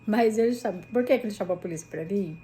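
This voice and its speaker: A woman, a mother telling a personal story in a chatty, animated vlog, full of tag questions. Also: medium pitch, fast, slight background noise.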